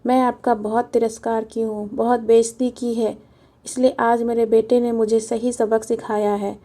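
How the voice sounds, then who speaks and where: A woman voicing a harsh, scornful young mother in a storybook reading, speaking in a sharp, scolding way. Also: fairly high pitch, flat delivery, moderate pace. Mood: ashamed. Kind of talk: storybook narration.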